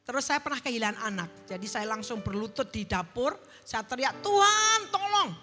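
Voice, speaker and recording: In a large church hall, a middle-aged woman preacher delivers a sermon built on personal testimony, earnestly telling her story and leading the congregation in call-and-response. Her voice is a little high, brisk and a bit bright, with hall reverb and faint music in the background.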